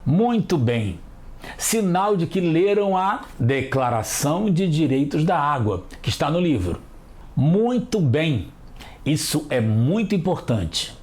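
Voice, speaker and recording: Teacher on a kids tv lesson, slow and careful, voice jumps up and down a lot. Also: medium pitch, sing-song, a little mellow. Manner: slow, careful, spells out sounds. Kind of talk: children's TV lesson.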